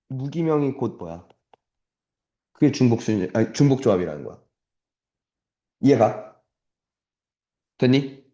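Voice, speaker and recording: A man's voice: mid-range voice, warm tone. A young male math tutor giving a casual, blunt classroom lecture, swearing freely and constantly asking whether students follow. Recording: roomy, dull lo-fi classroom recording.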